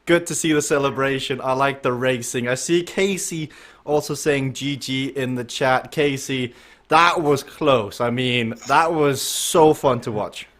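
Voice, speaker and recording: A man hosting and commentating a virtual cycling race, building excitement toward the finish and chatting with riders. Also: medium pitch, a little slow. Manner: excitable, rising to shouts at the finish. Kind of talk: live esports cycling commentary.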